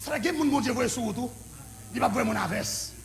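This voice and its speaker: A male pastor with a Haitian French accent telling his story in a sermon, excited and often breaking into shouts. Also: very high voice, normal speed, gravelly, slight background noise. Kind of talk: preaching sermon testimony.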